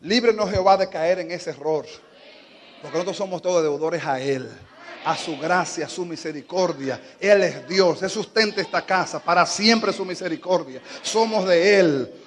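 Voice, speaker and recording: A high-voiced man with a Dominican Spanish accent preaches a sermon. He talks low and steady while teaching, then climbs into fervent, shouted exhortation. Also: normal speed, big-room sound. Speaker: pastor.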